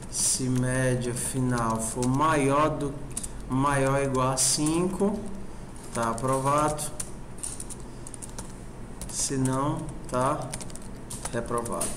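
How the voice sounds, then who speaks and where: A man's voice: mid-range voice, fairly bright tone. A man teaching a programming class in a classroom, talking informally and checking in with the class often. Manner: informal, asks the class constant check questions. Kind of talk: classroom lecture. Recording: roomy classroom recording with faint noise.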